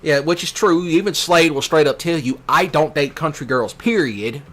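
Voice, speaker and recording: This young Southern man from Mississippi talks at normal speed in a somewhat high, slightly bright voice. He rambles and rants casually over a let's play, keeping it colloquial, jokey and self-mocking, while game music and vehicle sounds carry on behind him.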